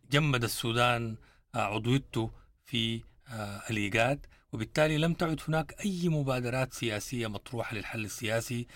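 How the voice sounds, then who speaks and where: مذيع سوداني سريع الكلام بصوت قريب جاف. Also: male voice, mid-range voice, a bit bright, no room sound. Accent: Sudanese. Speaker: radio programme host. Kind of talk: news interview.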